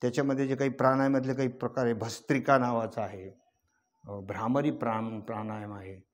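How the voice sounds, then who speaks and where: A man's voice: medium pitch, level tone, brisk. Older man preaching a folksy kirtan. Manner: folksy, conversational teaching with rhetorical questions, rising into chanted verse. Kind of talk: devotional kirtan sermon.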